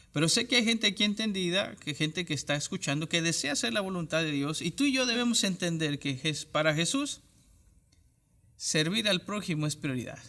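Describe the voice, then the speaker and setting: A man preaching an online church sermon with a high, bright voice. He talks straight to his listener and stacks short parallel phrases for emphasis. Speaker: pastor.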